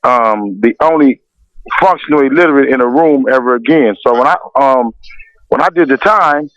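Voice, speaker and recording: A man from Los Angeles, a music producer as guest, speaking candidly and unhurried with restarts. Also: mid-range voice, a bit bright, no echo. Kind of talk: casual interview. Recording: dull lo-fi radio sound.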